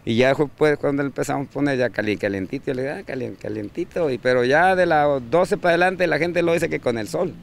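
Gravelly-voiced man, rambling. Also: a little high, fast, hardly any pauses, a little hiss or hum. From Mexico. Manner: rambling, with many fillers and restarts. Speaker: street fish vendor. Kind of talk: casual interview.

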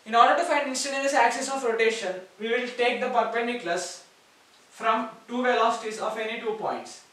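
A man's voice: very high-pitched, fairly quick, bright, forceful tone. A man with an Indian English accent teaching maths at a board, explaining step by step and repeating key words. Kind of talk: whiteboard lecture. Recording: echoey room, far from mic.

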